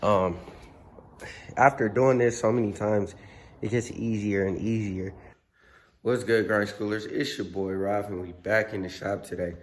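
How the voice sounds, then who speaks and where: A man with a hoarse, slightly sick-sounding voice runs a relaxed, slangy car repair vlog from his workshop. He talks at a measured pace in a steady, fairly low voice, with a little hiss or hum in the audio.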